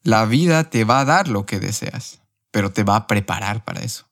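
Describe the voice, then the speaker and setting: A young man on a podcast, telling a personal story in an emotional, animated way. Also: on the low side, normal speed. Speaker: podcast host.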